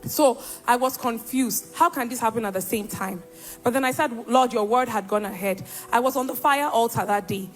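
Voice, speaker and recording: A woman's voice: fairly high pitch, normal speed, soft background music. A young woman giving an emphatic church testimony and acting out the dialogue as she tells her story.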